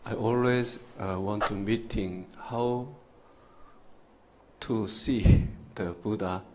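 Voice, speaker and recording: A man's voice: lowish voice, fairly even intonation, a little mellow. A man from South Korea studying abroad, speaking hesitantly about his thesis. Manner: hesitant, slow. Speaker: student.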